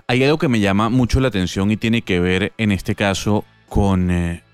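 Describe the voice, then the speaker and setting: A man's voice: on the low side, fairly even intonation, normal speed, smooth, no echo, soft background music. A man hosting a podcast interview from a record shop, talking in a conversational way.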